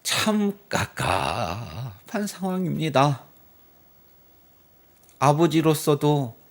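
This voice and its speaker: Slightly high and gravelly, this male pastor's voice fills a church sanctuary as he preaches a Sunday sermon, dramatizing the story and posing rhetorical questions to his listeners.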